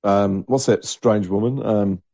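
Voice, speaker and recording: Rambling older man, dark voice. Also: on the low side, vocal fry, no echo. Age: 60s. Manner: rambling, halting, searching for names. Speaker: podcast co-host. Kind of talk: casual chat.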